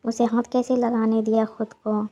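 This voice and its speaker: A woman's voice: on the high side, level tone, moderate pace, dark tone, lo-fi sound, close to an everyday voice. A woman reading as a furious possessive young husband. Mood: enraged. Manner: snarling, accusing.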